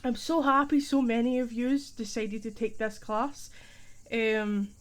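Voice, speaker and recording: A woman's voice: on the high side, level tone, a little slow. A young woman with a thick Scottish accent, chatting playfully and loosely as a teacher in a spoken role-play. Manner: chatty, playful and rambling, heavy dialect.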